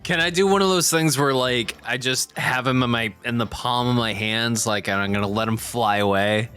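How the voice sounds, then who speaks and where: A man playing a tabletop game, excitable, swearing and laughing a lot. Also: mid-range voice, moderate pace, clear, resonant tone, faint music behind. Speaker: player. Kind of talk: casual chat at a tabletop game.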